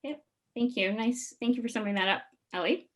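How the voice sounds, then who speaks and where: A woman's voice: on the high side, brisk. A woman co-presenting a talk in a conversational style.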